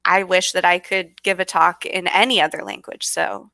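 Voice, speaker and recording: A bubbly guest with a Californian American accent chats casually on a video call, using many fillers and restarting her sentences often. Her voice is low-ish, gravelly yet bright, with a forceful tone, little pitch movement and a moderate pace. The recording is dry.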